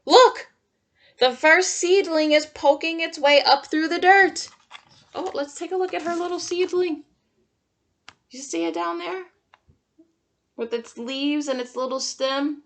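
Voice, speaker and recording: Her voice is high-pitched and fairly bright, and she takes her time as she reads a picture book aloud. The woman is a kindergarten teacher, adding simple, upbeat comments and questions for the young children listening.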